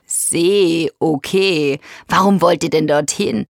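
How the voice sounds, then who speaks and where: A woman voicing a huge, friendly male hippo in a children's story, speaking in a slow, rumbling drawl. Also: gravelly, no room sound, studio quality, heavily acted. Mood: calm.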